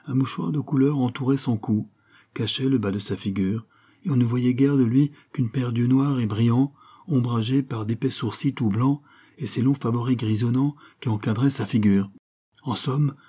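A man reading a novel aloud in an even, measured first-person narration. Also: medium pitch, slightly rough. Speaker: audiobook narrator.

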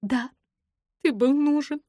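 A woman voicing an emotional young heroine in an audiobook, outspoken and raising her voice high. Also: slow, warm tone, no room sound, studio quality. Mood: tearful. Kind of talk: audiobook character voice.

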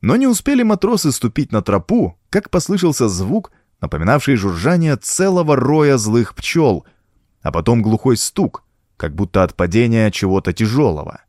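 A man narrates an adventure audiobook with dramatic storytelling, in a mid-range, darkish voice with big pitch swings at a moderate pace. The studio sound is clean, with no room sound.

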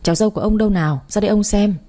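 A woman's voice: medium pitch, very fast, mellow, close to an everyday voice. A woman voicing a fussy, impatient old grandfather waiting for his grandson, in a read-aloud story.

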